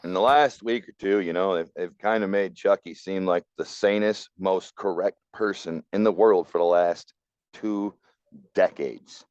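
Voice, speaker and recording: A man with a lowish, smooth voice gives blunt, opinionated takes in casual podcast talk. The sound is dry and a little dull, as from a modest lo-fi setup. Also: measured pace, darkish tone, no echo. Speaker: podcast co-host.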